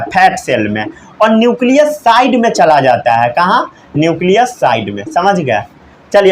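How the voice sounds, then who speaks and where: Animated male teacher quizzing his class. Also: sits high, slight background noise. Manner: asks students questions, repeats answers, mixes English terms; dictates slowly word by word. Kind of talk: classroom lecture.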